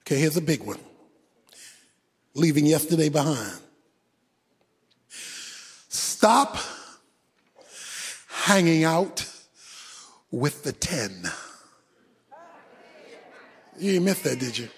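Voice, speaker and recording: A male pastor preaching a sermon, dropping low and quiet and then rising to a shout. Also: very animated, slow pace, long pauses, husky. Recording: sermon in a reverberant hall.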